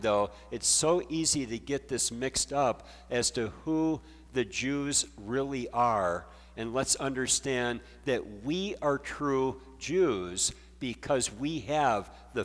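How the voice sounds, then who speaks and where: Male pastor preaching slow, mid pitch, big echoey hall sound. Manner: measured, slow preaching with scripture readings. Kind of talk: sermon.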